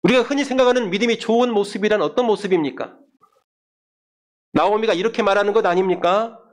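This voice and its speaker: A high-voiced male pastor gives a measured sermon, speaking directly to the congregation. When he voices quoted laments, his tone turns pleading.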